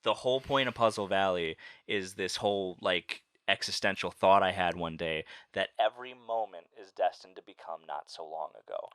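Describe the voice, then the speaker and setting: A man's voice: sits low, normal speed, hardly any pauses, fairly bright tone, clean tone, no room sound. A man chatting casually with a friend while painting, playful and teasing, swearing freely. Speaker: co-host.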